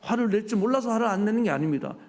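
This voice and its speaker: A male pastor delivering a sermon, animated and full of rhetorical questions to his congregation. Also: high voice, very fast. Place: church sanctuary. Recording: church hall reverb.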